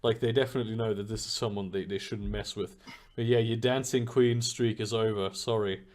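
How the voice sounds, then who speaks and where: A man's voice: lowish voice, fairly even intonation, fairly quick, a little mellow. A man acting as game master, improvising narration and dialogue for a tabletop role-playing game.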